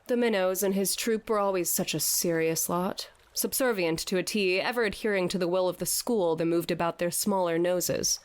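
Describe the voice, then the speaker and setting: An actress in a scripted audio drama plays a dazed, theatrical woman raving as Hamlet to a fish head, declaiming in grandiose mock-Shakespearean style with a mock-tragic mood. Her voice is on the low side, close to an everyday voice, at a moderate pace with hardly any pauses.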